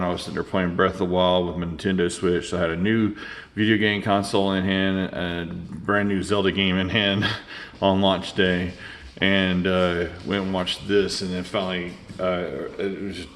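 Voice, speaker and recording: A man, rambling casually through a toy review with lots of fillers and restarts. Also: low-pitched.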